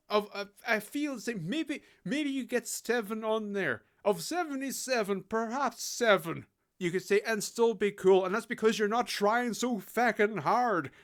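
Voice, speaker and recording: Sarcastic British man, high voice. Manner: sarcastic, swears, laughs often. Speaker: game reviewer. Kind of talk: casual game commentary.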